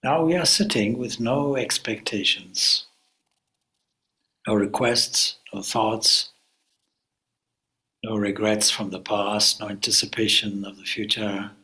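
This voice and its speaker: A man with a lowish voice acts as a spiritual teacher leading a meditation, his speech calm, deliberate, and set out in short phrases with pauses. The recording sounds rough.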